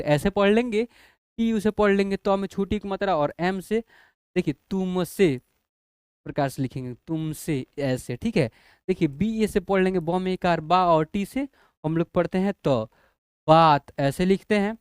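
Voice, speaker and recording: In a studio-clean recording with no room sound, a man with a high-pitched, clean-toned voice teaches spelling. As an English teacher, he patiently goes letter by letter and asks students whether they follow along.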